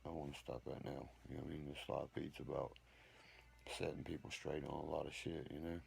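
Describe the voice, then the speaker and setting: Very deep, gravelly man ranting on a livestream. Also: steady tone, brisk, slight background noise. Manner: profane, boastful, ranting; reads and answers viewer comments. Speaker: livestream host. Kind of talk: rambling livestream monologue.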